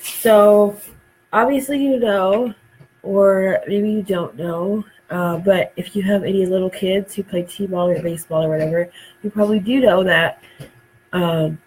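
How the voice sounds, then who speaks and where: A woman's voice: mid-range voice, steady tone, a little slow, darkish tone, slight background noise, rough recording. A woman hosting a casual craft live stream. She is stuffed up and dry-throated from a cold, and she rambles with many ums and uhs.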